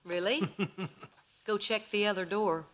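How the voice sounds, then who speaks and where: An actress playing a sarcastic, quick-witted middle-aged mother in a sitcom. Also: mid-range voice, steady tone, heavy background noise, lightly acted. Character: wry, sharp-tongued woman, middle-aged mother. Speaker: sitcom lead. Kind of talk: sitcom acting.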